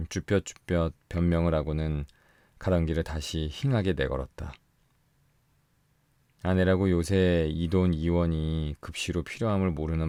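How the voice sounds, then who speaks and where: Deep, calm man reading a bedtime story. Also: clear, resonant tone, no echo. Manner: calm, slow, soft storytelling. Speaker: audiobook narrator.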